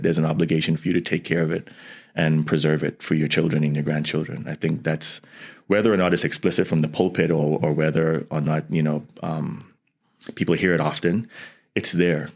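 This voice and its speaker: In this conversational interview, the guest is a Bahamian man who works as an environmental scientist and educator. His rumbling low voice stays level and a little mellow while he talks briskly and earnestly, frequently restarting sentences and dropping in "you know."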